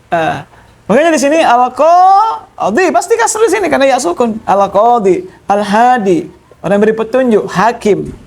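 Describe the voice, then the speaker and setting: A man's voice: very high voice, big pitch swings, normal speed, creaky, darkish tone. A man teaching a classroom grammar lesson, explaining step by step and often checking that his students understand. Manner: explains step by step, repeating key terms. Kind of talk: classroom lecture.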